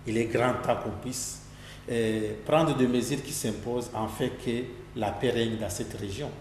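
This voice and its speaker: A man from Rwanda answering interview questions earnestly and deliberately, pausing and restarting his phrases. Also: mid-range voice, steady tone, a little mellow, roomy sound, in a large hall, slight background noise. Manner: deliberate, with frequent restarts and pauses.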